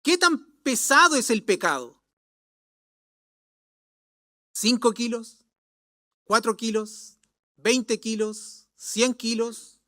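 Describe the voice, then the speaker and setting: A man's voice: extremely high pitch, expressive, slow, sharp tone, dry recording, studio quality, pitched above the performer's own voice, exaggerated voice. A man preaching a sermon voices a mocking young man who taunts a preacher with incredulous questions.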